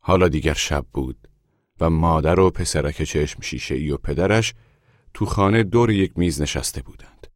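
A man narrating a literary short story in a slow, measured way, at times hushed. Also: rumbling low, dry recording, studio quality.

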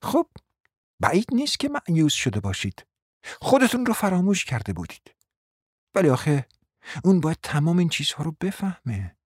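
A cunning, flattering provincial mother played by a woman in a radio drama, coaxing in a smooth, persuasive voice that keeps sinking to a whisper. The sound is dry and close, with no room around it. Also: medium pitch, no echo, natural voice. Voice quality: coaxing, often drops to a whisper. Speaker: scheming mother. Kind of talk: radio play acting.

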